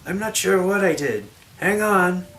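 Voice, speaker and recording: An exasperated, weary young woman from a fantasy audiobook, acted out by a man. The voice is pitched up and delivered with hammy stage theatrics. Music plays behind it. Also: lively intonation, unhurried, sharp tone, slight background noise, heavily acted. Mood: flustered. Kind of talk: dramatic audiobook reading of a fantasy novel.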